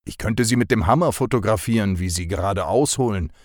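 Figure: male reader playing cheeky young reporter, teasing, voice lifted above his own deep register, dry sound. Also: a little fast, dry recording, lightly acted.

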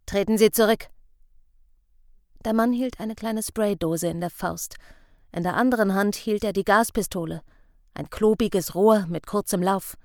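A woman's voice: mid-range voice, no echo. Woman narrating an audiobook, dry close sound. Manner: measured, expressive storytelling.

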